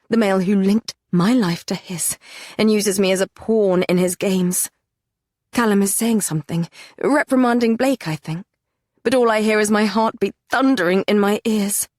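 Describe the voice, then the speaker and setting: A woman's voice: mid-range voice, a little mellow, no room sound, clean studio sound. A woman narrating a first-person fantasy romance audiobook with an intense, dramatic delivery.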